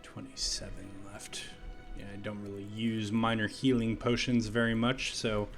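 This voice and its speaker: A man's voice: on the low side, level tone, moderate pace, soft background music. A man hosting a let's play with casual, rambling, self-deprecating commentary. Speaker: gaming let's play host. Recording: faint game ambience behind voice.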